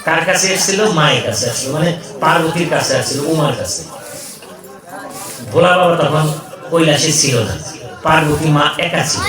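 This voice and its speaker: A man preaching a Bhagavata sermon, telling the story with animated acted dialogue. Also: fairly high pitch, normal speed, pauses often. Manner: animated storytelling, voicing characters. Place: large gathering. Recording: echoey, distant, crowd behind.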